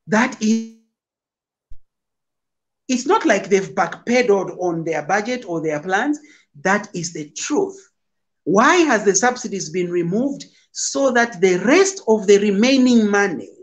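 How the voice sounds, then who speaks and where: A man from Zambia, a political commentator, explaining forcefully over a phone video call, heaping up figures and comparisons. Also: high-pitched, lo-fi sound. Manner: emphatic, lecturing with figures and analogies.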